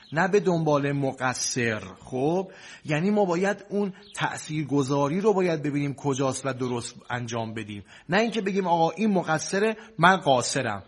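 Man, cleric counselor, preachy, soothing, repetitive lists, fairly high voice. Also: fairly bright tone, slightly rough. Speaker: cleric marriage counselor in a sketch. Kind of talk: comic sketch, preachy advice.

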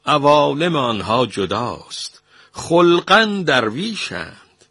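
A man voicing an elderly master painter who answers quietly and with dry defiance, husky-voiced. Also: mid-range voice, very animated, no room sound, pitched above the performer's own voice, heavily acted. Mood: calm. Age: older. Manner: quiet, measured, dryly defiant. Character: elderly male master painter, calm and wry.

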